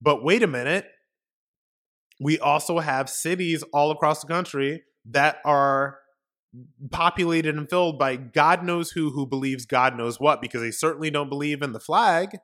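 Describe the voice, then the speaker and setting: A man's voice: fairly high pitch, normal speed, a bit bright. A man hosting a political commentary podcast, talking emphatically in a ranting monologue full of repetition and rhetorical questions. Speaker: podcast host.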